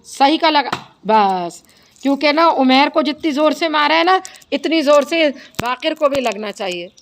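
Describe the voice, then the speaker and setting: High-voiced woman teaching children to read. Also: animated, slight background noise. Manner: patient, slow spelling out of words. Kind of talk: classroom reading lesson.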